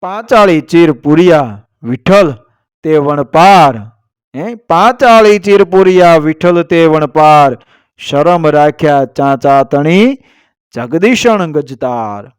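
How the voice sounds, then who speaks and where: A man voicing a court bard who chants praise verses slowly in a told folk tale. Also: on the high side, clean tone, no echo. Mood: chanting.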